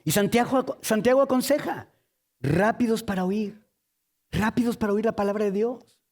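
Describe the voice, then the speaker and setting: A man preaching a sermon in a church, lively and humorous, often checking in with the congregation through rhetorical questions. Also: sits high, moderate pace, gravelly.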